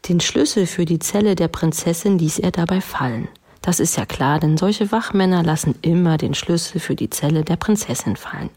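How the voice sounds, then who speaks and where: A woman reading a children's story aloud with a gently wry manner. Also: fairly low pitch, expressive, normal speed, few pauses.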